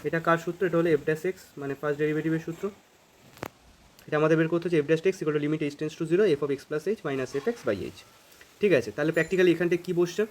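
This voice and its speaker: A man's voice: a little high, steady tone, fairly quick, darkish tone, a little hiss or hum. A man teaching calculus in a casual, informal way, thinking aloud as he works through problems. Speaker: math teacher. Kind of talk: informal math lesson.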